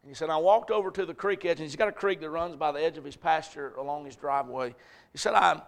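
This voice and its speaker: Preacher guy, slightly high voice, tells a story in his sermon, gets real loud and shouty at the big moments. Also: fast talker, creaky. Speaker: pastor.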